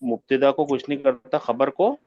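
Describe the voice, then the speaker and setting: A man's voice: mid-range voice, normal speed, no room sound, muffled recording. A male Arabic teacher running an interactive grammar class, quizzing students and repeating phrases as he corrects them.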